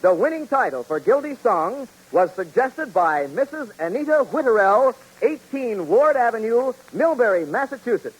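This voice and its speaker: A man's voice: very high voice, big pitch swings, normal speed, few pauses, slightly rough, rough recording. A man announcing contest winners and a holiday sign-off in a formal style, heard as an old radio show broadcast. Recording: vintage radio broadcast with faint music.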